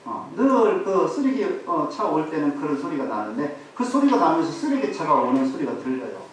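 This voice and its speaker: Lively male pastor in echoey church. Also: a little high, normal speed, distant mic. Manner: animated storytelling, rhetorical questions to the congregation. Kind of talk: sermon. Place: church sanctuary. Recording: very echoey hall, voice off-mic, faint hiss.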